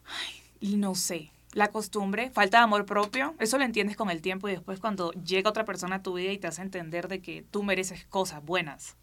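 A woman's voice: mid-range voice, steady tone, a little fast, fairly bright tone. A woman from Colombia with a Caribbean coast accent, co-hosting a casual podcast chat in a playful, chatty way. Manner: playful, chatty, acts out quoted voices. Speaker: podcast co-host.

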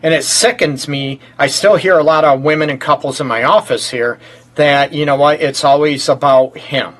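A man's voice: on the high side, fairly even intonation, normal speed, a bit bright. Joking man hosting a talk show. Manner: joking, teasing, self-described smart aleck. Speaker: relationship counselor and show host. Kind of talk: casual talk show interview. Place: his office.

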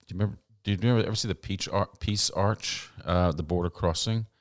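A man's voice: low voice, fairly even intonation, a little fast, no echo, studio quality. A man hosting a design podcast, chatting with a guest in a rambling, self-interrupting way. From England. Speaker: podcast host.

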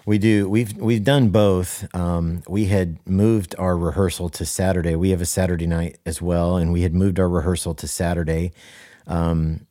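A low-voiced man talks on a podcast as a worship leader, his tone warm and mellow. He speaks earnestly, hammering points home by repeating them, and slips in deadpan jokes. The sound is dry and close, with no room around it. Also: moderate pace, no room sound. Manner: earnest and emphatic, repeats key phrases for stress. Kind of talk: casual podcast conversation.

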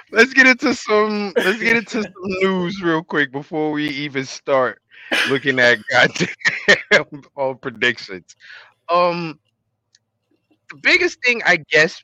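A man's voice: mid-range voice, bright, forceful tone, dry recording, poor audio. A middle-aged man hosting a podcast in casual talk, emphatic and repeating phrases, with some swearing. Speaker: podcast host.

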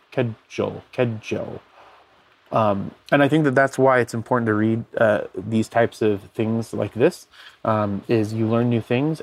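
Man, lowish voice, casual rambling monologue, many fillers, talking from his bed. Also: darkish tone. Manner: rambling, many fillers, looks things up mid-talk. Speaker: podcast host.

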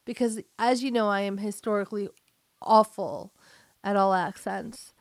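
A woman co-hosting a podcast in casual chat, upbeat and quick to laugh as she runs through the schedule. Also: medium pitch, fairly even intonation, no room sound. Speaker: podcast co-host.

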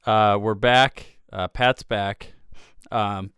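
A man's voice: on the low side, steady tone, very slow, a bit bright, clean tone, no echo, clean studio sound. A man hosting a casual, joking podcast, rambling and hesitant as he goes. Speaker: podcast host.

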